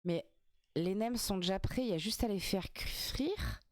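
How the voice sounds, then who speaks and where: A woman's voice: mid-range voice, expressive, normal speed, dry recording, clean studio sound. A woman streaming live, reacting to a game show in casual chat, joking with her viewers and swearing often. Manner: chatty, swears, laughs often, jokes with chat.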